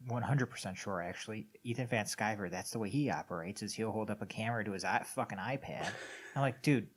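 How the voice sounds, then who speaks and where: A man's voice: fairly low pitch, fast talker. A man co-hosting a casual podcast, blunt and sarcastic, swearing freely. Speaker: podcast co-host. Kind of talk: casual chat.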